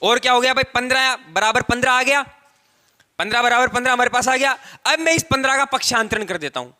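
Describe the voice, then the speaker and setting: A man's voice: very high-pitched, sharp tone, clean tone. A male tutor giving a lecture, explaining step by step and repeating key phrases, stretching out words for emphasis. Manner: explanatory, repetitive, drawn-out stressed words. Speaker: technical tutor. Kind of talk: classroom lecture at a whiteboard.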